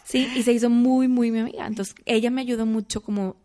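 A woman's voice: a little high, a little fast, over a noisy crowd. A young woman, telling her life story as a guest in a casual interview and acting out the voices of her family. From Mexico. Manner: lively storyteller, acts out quoted family voices.

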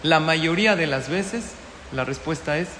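A man giving a storytelling sermon, an animated teacher who keeps asking his listeners questions. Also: fairly high pitch, measured pace, slight background noise. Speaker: religious teacher. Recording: echoey hall with long reverb.

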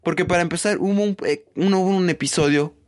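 A man's voice: sits high, fast talker. A man with a Mexican Spanish accent in a profane, rambling, mocking comedic monologue.

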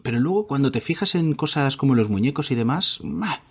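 A man's voice: mid-range voice, animated, brisk, slightly rough. A man from co-hosting a podcast, chatting casually and hesitantly, restarting his sentences as he thinks aloud. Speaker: podcast co-host. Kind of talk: casual chat about video games.

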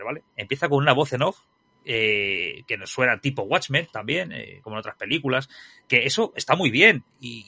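Guy going on about a movie on a live stream, bright forceful voice, dry close sound. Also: mid-range voice, slightly rough, dry recording. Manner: animated, laughs easily, repeats points for emphasis. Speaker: podcast co-host reviewing a film. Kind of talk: casual film review chat.

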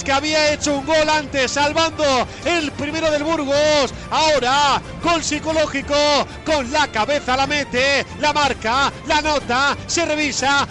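High-pitched man in breakneck goal commentary. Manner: shouts long drawn-out, rapid-fire repeated goal cries and player names. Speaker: football match commentator.

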